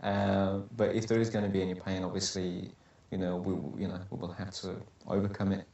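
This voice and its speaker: A man's voice: low-pitched, level tone, fairly quick, a little mellow. A man speaking as an expectant father in a documentary interview, hesitant and full of restarts. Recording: roomy, distant, muffled sound.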